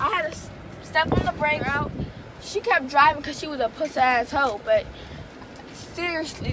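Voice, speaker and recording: A young woman chats from the seat of a car, holding her phone out at arm's length. Her voice sits high, and her talk is loose, slangy and full of swearing, ready to flare up loudly. Road and engine noise run clearly underneath her. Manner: casual, slangy and profane, quick to get loudly worked up. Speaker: vlogger. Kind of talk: casual vlog chat. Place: inside a car. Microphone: phone held at arm's length. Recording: phone recording with loud car and street noise.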